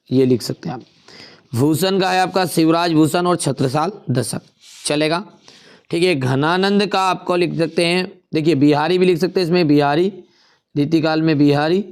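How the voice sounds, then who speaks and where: A young male teacher works through an exam paper. His voice sits a bit high and sounds smooth and clean. He slows down and repeats key answers as if dictating them to students. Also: steady tone.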